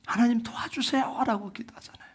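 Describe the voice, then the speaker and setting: Male pastor, high-pitched, animated sermon storyteller. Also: fairly quick, breathy edge. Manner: animated storytelling, swings from loud exclamations to hushed whispers.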